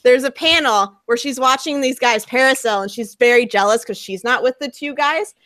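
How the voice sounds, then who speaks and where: A woman's voice: on the high side, normal speed, fairly bright tone. Enthusiastic young woman podcast host. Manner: enthusiastic, laughs often. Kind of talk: casual group podcast chat.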